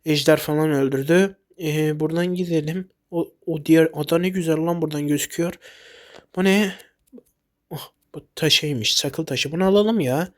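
A man giving casual gameplay commentary while sick, excitable and quick to blurt out short exclamations. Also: on the high side. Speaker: gaming YouTuber.

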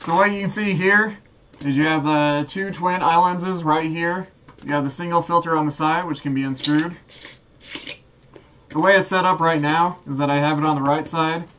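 A man's voice: on the high side, steady tone, moderate pace, fairly bright tone, slight background noise. A man in his thirties speaking through a gas mask, giving a casual product demonstration with a muffled sound. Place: small room indoors.

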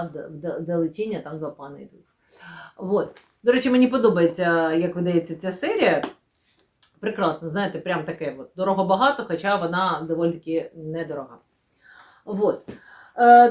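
A woman talking casually about new books, rambling with many fillers and self-corrections, and often dropping into quiet, murmured asides. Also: mid-range voice. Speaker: book vlogger. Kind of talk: casual chatty book unboxing.

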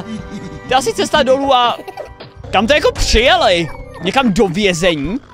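A young man hosting a reaction video in casual commentary, excitable and quick to shout warnings, often repeating himself. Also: extremely high pitch. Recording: loud music under the voice. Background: the animation's music.

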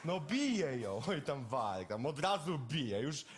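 A man performing a live cabaret sketch, talking in blunt, lively working-class banter. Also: mid-range voice, unhurried. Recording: stage mic with loud audience laughter.

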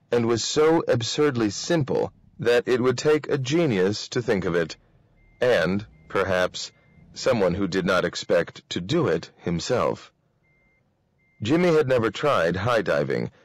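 Man reading a novel aloud, steady and measured, lowish voice, dry close sound. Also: dry recording. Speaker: reader.

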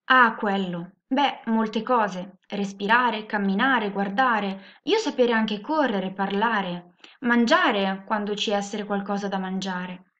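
A woman's voice: mid-range voice, takes it slowly, a bit bright. A woman voicing a naive, polite little male elf child who speaks in earnest, broken grammar. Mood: eager. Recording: muffled lo-fi recording.

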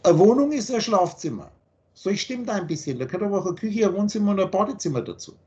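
A man with a German accent holds forth over a video call, and his voice sits fairly high. He talks bluntly and insistently, hammering each point home with homely examples. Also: lively intonation, fast talker, warm tone. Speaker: spiritual teacher.

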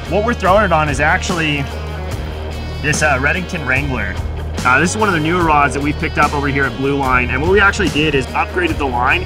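Guy in a river talking rods, upbeat, bit high voice, music playing. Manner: upbeat, practical, instructional. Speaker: fly fishing guide. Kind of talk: gear explainer with a product plug. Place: outdoors, kneeling in a river.

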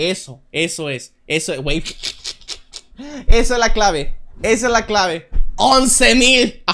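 A young man with a Mexican accent streaming a puzzle game live, joking loudly, swearing and answering his chat. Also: high-pitched. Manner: loud and joking, swears often, reads chat aloud.

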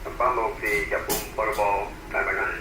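A man, a police officer, giving terse, clipped coded reports over a walkie-talkie radio in a police roll call. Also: brisk. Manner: terse, clipped reports of ranks, numbers and code. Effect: heard over a police walkie-talkie radio. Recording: noisy, echoey two-way radio transmission.

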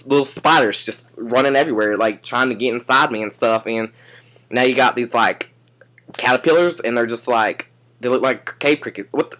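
A man's voice: medium pitch, fairly bright tone. A young man ranting profanely and exasperatedly in a comedy vlog, stammering and restarting as he goes. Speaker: comedian vlogger. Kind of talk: satirical rant vlog.

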